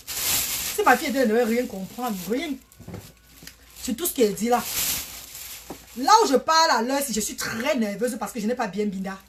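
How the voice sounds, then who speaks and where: A woman's voice: a little high, a little hiss or hum. A woman, talking bluntly and repetitively in a casual live stream, often addressing listeners as "maman". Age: 30s.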